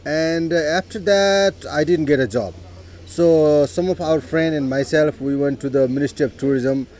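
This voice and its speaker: A middle-aged man with a Nepali accent is interviewed, telling his life story unhurriedly in conversation. He says "you know" often and clears his throat. His voice is fairly high in pitch with a darkish tone.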